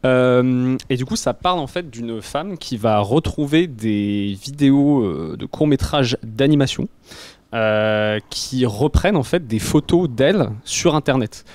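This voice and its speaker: A man with a French accent from France, giving a casual, halting film review as a columnist. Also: medium pitch, lively intonation, a little mellow, dry recording. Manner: hesitant, halting explanation.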